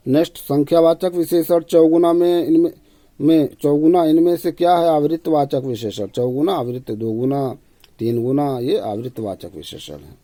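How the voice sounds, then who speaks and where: A man coaching students through exam-style Hindi questions in a casual classroom manner. His voice sits a little high yet sounds mellow and dark, and he reads each question before sinking low and quiet for the answer. The recording is close and dry. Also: measured pace, no room sound. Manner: repeats himself, tag "है ना". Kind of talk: casual exam-prep lesson.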